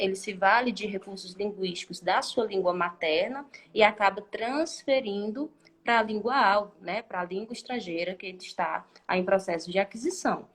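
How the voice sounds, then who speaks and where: A woman teacher speaks at a middle pitch and explains ideas patiently during a live online class. She keeps checking in with her listener through a questioning "né?" and sometimes restarts her sentences while she thinks aloud. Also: fairly bright tone. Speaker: Spanish teacher.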